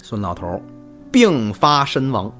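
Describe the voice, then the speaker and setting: Lively male podcast storyteller. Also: mid-range voice, slow pace, faint music behind. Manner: lively, chatty, laughs through asides. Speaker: storyteller host.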